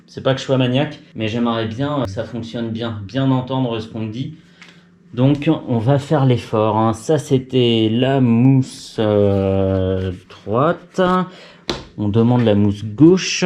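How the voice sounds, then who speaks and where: Male vlogger, self-mocking running chatter while working, mellow tone, faint noise floor. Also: medium pitch. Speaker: vlogger fitting a helmet intercom. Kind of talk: casual talk to camera while working.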